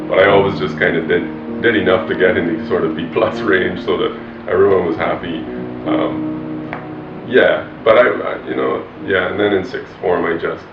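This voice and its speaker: A man's voice: low voice, gravelly. A man in his forties from Barbados, a pastor, speaking hesitantly and reflectively about his life, with many fillers. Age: 40s. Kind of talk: personal testimony interview. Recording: roomy, distant, muffled with loud guitar music. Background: loud guitar music.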